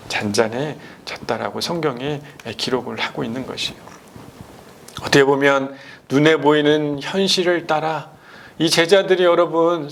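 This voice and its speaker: A male pastor preaching a sermon, asking the congregation rhetorical questions and swinging between loud and hushed delivery. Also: fairly high pitch, vocal fry, a little hiss or hum.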